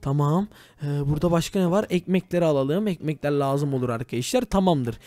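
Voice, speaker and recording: A young man narrating a Minecraft let's-play to his viewers, excitable and full of exclamations. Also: fairly high pitch, a little fast, no room sound. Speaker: gaming YouTuber.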